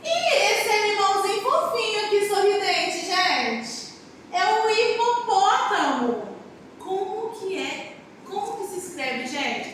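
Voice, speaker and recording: Woman teacher, very high voice, talks slowly to young kids, heard from a distance. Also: slight background noise. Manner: animated, sing-song, speaking to young children. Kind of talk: children's lesson. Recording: very echoey room, far from the mic.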